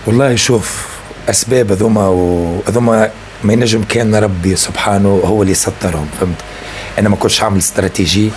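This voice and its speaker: A man's voice: on the low side, fairly even intonation, fast talker, slight background noise. A young man with a Tunisian accent, a singer answering interview questions earnestly and often checking that he is understood. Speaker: singer and rapper.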